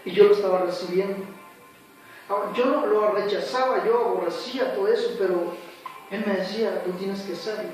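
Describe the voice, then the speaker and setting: A man's voice: high voice, fairly quick. A man giving an earnest, dramatic church testimony, acting out the voices in his story. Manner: earnest, dramatic retelling with acted quotes. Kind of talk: spoken personal testimony. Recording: very echoey, far from the mic, faint music.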